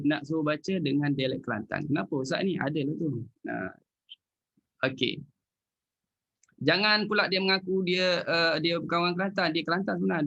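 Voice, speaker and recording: A man with a Malaysian Malay accent teaching Quran recitation in an online class, recites verses slowly and explains casually. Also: on the high side, vocal fry, fairly bright tone, lo-fi sound. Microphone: video call.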